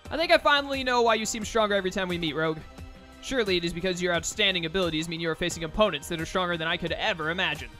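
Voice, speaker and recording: A loyal lion-man warrior from a video game, read out by a man, talks with formal, gentle concern. The voice is high and bright, with light music behind it. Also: rapid-fire. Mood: loyal, encouraging. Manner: formal, solicitous.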